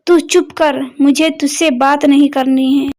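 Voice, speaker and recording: A woman's voice: sits high, fairly even intonation, a little slow, a little mellow. A woman reading as a stubborn, angry mother-in-law.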